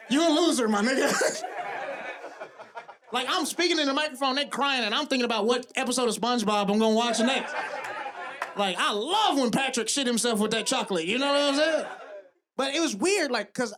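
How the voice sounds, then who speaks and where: High-voiced man doing live stand-up. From American South. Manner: loose, profane, rising to shouts on punchlines. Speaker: stand-up comedian. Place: comedy club stage before a live audience.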